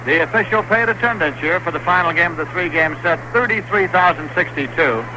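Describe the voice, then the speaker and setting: A man with a slightly high voice does baseball play-by-play on vintage radio, the old broadcast full of hiss. He keeps a brisk pace, and his excitement climbs on the big plays.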